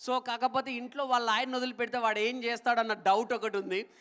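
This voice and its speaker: High, bright-voiced male stage comedian. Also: little pitch movement, brisk, smooth. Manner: chatty storytelling, asks the crowd for claps. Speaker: stand-up comedian. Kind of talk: stage comedy at a film event.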